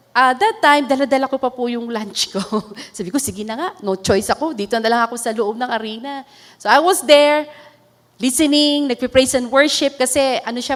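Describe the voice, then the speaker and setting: High-voiced Filipino woman preaching in hall. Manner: mixes English and Tagalog, earnest, often laughing softly. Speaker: pastor. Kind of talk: sermon testimony. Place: church hall. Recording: long reverb of a hall.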